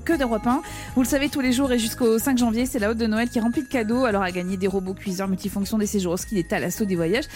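A woman's voice: a little high, fairly even intonation, quick pace, darkish tone, soft background music. A woman with a southern French accent presenting games and TV tips on a radio show.

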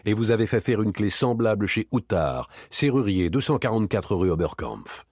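Brief: male reader as a hard-nosed ex-detective in an audiobook, low husky voice, clipped and exact. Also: expressive, moderate pace, darkish tone, no echo. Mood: accusing. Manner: dry, hard, precise. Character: cold, relentless male former police inspector.

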